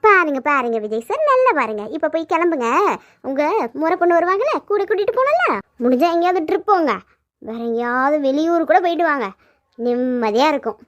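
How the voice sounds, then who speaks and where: A woman voicing a sharp-tongued, teasing young woman in a cartoon, firing back quick mocking retorts. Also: high voice, sing-song, no room sound. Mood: sassy. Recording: dull lo-fi sound.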